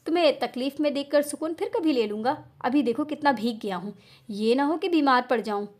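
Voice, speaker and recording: A woman's voice: high voice, brisk, lightly acted. A woman voicing a cruel, mocking husband. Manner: taunting, falsely tender, flares into shouting. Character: cruel, mocking young husband who enjoys her pain.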